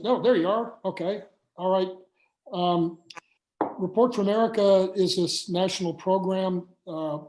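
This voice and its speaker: A man's voice: on the high side, a little mellow. A man hosting an online community meeting, talking with many hesitant fillers. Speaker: meeting host. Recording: echoey room.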